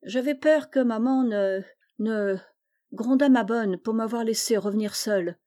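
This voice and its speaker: A woman voicing a proud, disdainful young noble girl in a storybook reading, speaking in a sharp, petulant manner. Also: medium pitch, moderate pace, husky, close to an everyday voice. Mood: defensive.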